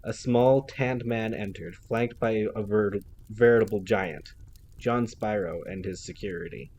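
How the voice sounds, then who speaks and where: A man reading a novel aloud in an even storytelling manner. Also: lowish voice, a little slow, slight background noise. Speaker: audiobook reader.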